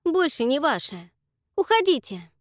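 A woman reading an audiobook, voicing an embittered young woman with a sharp, cold, commanding way of talking. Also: fairly high pitch, very animated, normal speed, dry recording, clean studio sound, voice pushed up. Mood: cold hostile. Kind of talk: audiobook character voice.

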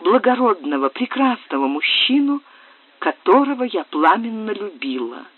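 Man doing a secretive young noblewoman, soft and restrained, sounds like an old phone line, dry. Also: sits high, big pitch swings, normal speed, slightly rough, dry recording, pitched above the performer's own voice, heavily acted. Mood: tender.

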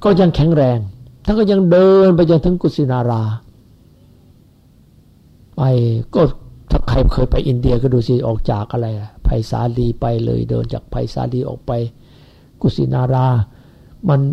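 A man's voice: medium pitch, moderate pace, gravelly, slightly rough. A man in his seventies giving a rambling, folksy Buddhist sermon to followers. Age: 70s. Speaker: Buddhist teacher. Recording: lo-fi dull recording.

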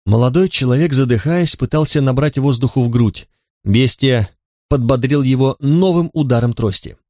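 A man narrating an audiobook in a measured storytelling manner. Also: medium pitch, a little mellow, no echo, studio quality. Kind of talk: scripted narration.

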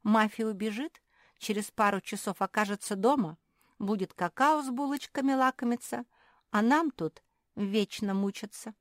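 A small storybook dog who whines and frets about everything in a high, tearful voice, as a woman acts her out. The recording is close and dry. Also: expressive, unhurried, few pauses, no echo. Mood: whiny. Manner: whining, tearful.

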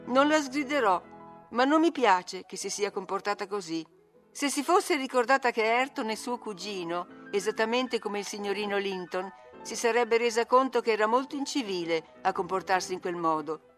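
A woman voicing an earnest housekeeper gently scolding a young lady, in a storybook reading. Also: mid-range voice, normal speed, faint music behind, lightly acted. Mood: reproving. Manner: firm, reproving. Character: older housekeeper, earnest and reproachful.

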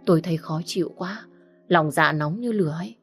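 A woman voicing a worried young wife who speaks in an uneasy, low tone. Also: a little fast, husky, faint music behind. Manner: anxious, uneasy.

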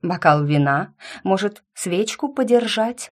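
A woman's voice: a little high, very animated, unhurried, voice pushed up. A woman reading an audiobook and voicing a sarcastic young female battle mage, drawing out her mocking lines.

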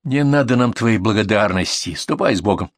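A man voicing a gruff, tired male ambulance doctor with a stern, mocking manner, in a storybook reading. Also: lowish voice, lively intonation, fairly quick, dry recording, studio quality, lightly acted.

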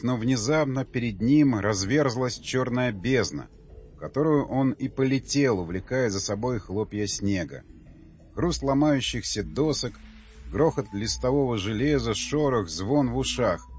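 A man's voice: mid-range voice, lively intonation, normal speed, darkish tone. A man narrating an audiobook in a tense, dramatic reading. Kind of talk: scripted narration. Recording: dull lo-fi audio with faint music.

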